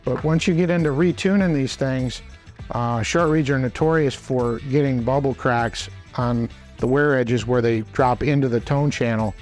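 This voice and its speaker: A hunting call expert teaches in a plain, practical way, his mid-range voice a little mellow. He walks through each step conversationally, like he's giving a demonstration.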